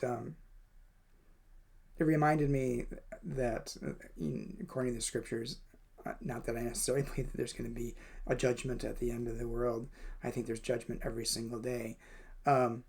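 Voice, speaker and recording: A man's voice: mid-range voice, creaky, darkish tone, slightly rough. A man reading a daily devotional and sharing his own thoughts, speaking thoughtfully with frequent hesitations and fillers. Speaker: devotional reader and commentator. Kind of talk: reflective spoken devotional.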